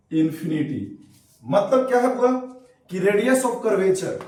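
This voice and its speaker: A man's voice: high-pitched, a little mellow. A male physics teacher giving a classroom lesson, mixing Hindi and English terms, asking questions and answering them himself while repeating key words. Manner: mixes Hindi with English terms, calls students by pet names. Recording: echoey room, far from the mic.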